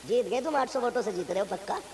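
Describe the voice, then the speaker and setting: Before a live audience at a religious gathering, a male imam with a north Indian Urdu accent preaches a sermon, telling stories and firing off pointed rhetorical questions. His very high-pitched voice has lively intonation and swings between quiet, chatty asides and loud, forceful exhortation, with the crowd audible in the recording.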